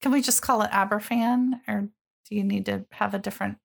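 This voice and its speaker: A woman's voice: medium pitch, steady tone, a little fast, gravelly. A woman co-hosting a podcast, chatting candidly and wryly about a TV episode. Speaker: podcast co-host. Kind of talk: casual chat reviewing a TV episode.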